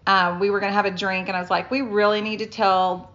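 A woman's voice: medium pitch, level tone, quick pace, fairly bright tone, muffled recording, slight background noise. A middle-aged woman co-hosting a podcast in casual chat, laughing often, recorded on a phone. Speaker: podcast co-host.

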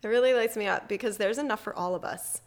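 A woman's voice: mid-range voice, fast. A woman co-hosting a podcast in casual chat, enthusiastic, swearing freely and laughing often. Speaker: podcast co-host.

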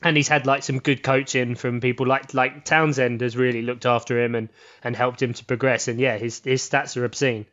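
A man's voice: mid-range voice, level tone, brisk, a bit bright, muffled recording. A tired man, co-hosting a podcast in casual, sweary, rambling chat. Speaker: podcast co-host.

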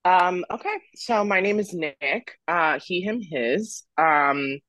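A man's voice: high voice, animated, takes it slowly, bright, forceful tone, dry recording. Candid young man telling his story. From Florida, USA. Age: 20s. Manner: candid, rambling, stops and restarts. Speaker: podcast guest. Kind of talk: casual interview storytelling.

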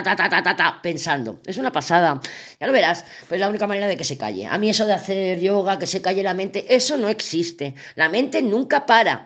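A woman giving a casual daily tarot reading, talking straight to the listener, chatty and blunt, stumbling over words and laughing at herself. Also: medium pitch. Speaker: tarot reader.

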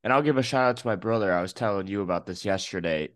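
Young male co-host, lowish voice, dry close sound, keen and opinionated. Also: fast talker, no room sound. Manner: excited, opinionated. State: just woken up, morning voice. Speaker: podcast co-host. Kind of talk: casual sports podcast chat.

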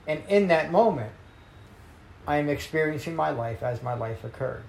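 A man teaching meditation in a measured, emphatic way, reading a Buddhist text and explaining it to a group. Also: on the high side, lively intonation, gravelly, darkish tone, reverberant, slight background noise, poor audio. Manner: measured, emphatic teaching with slowed key phrases. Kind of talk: dharma talk reading a sutta.

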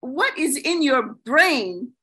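A woman's voice: high-pitched, big pitch swings, takes it slowly, pushed and bright, low-quality recording. A woman playwright, a guest in a casual discussion, who asks pointed, provocative questions.

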